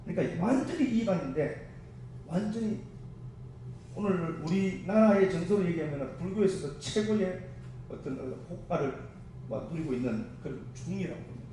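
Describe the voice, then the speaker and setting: A male pastor with a Gyeongsang accent preaching a sermon, animated and joking directly with the congregation. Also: sits high, moderate pace, a little hiss or hum. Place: church sanctuary. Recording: echoey church hall from far off.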